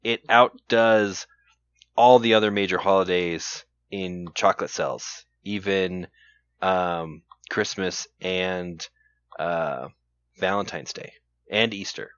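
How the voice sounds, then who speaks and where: A man co-hosting a podcast and running a trivia game, talking in a relaxed, rambling way with lots of fillers. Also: low-pitched, slow pace, smooth, no room sound. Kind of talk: casual chat. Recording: slightly dull lo-fi, dry sound.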